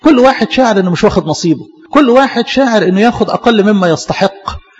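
A man with an Egyptian accent, a pastor, preaching a sermon in a quick, repetitive style full of rhetorical questions. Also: high-pitched, expressive, in a large hall, highs cut off. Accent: Egyptian Arabic. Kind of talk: Coptic church sermon.

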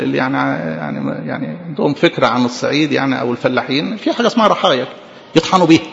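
A man with an Egyptian accent preaching a sermon in an animated, conversational way, full of rhetorical questions. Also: fairly high pitch, gravelly, long reverb tail, lo-fi sound. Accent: Egyptian Arabic.

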